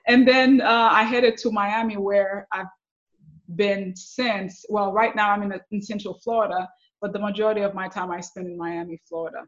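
A woman from Haiti, a success coach, telling her life story as a guest in an interview, laughing often and pausing with fillers. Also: mid-range voice, steady tone, lo-fi sound. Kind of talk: interview conversation.

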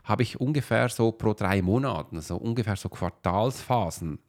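Low gravelly man rambling on a podcast. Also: moderate pace. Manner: rambling, with many filler sounds. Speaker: podcast host and coach. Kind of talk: casual podcast monologue. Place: at his computer while uploading a video.

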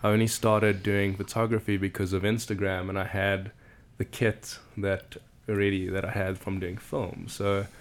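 Low, smooth-voiced man from South Africa. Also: flat delivery, normal speed, hardly any pauses. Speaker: podcast guest. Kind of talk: casual chat. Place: cabin.

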